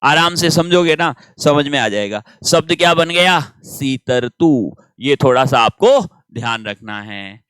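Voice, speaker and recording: A man's voice: a little high, lively intonation, moderate pace, few pauses, a bit bright, clean tone, no room sound. A man teaching grammar in a patient classroom manner, asking questions and answering them himself.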